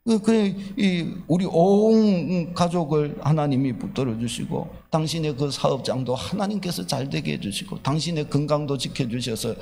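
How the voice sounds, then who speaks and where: A pastor voicing a devout wife who gently pleads with her husband. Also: on the high side, normal speed, gravelly, few pauses, in a large hall. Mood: pleading. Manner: soft, pleading.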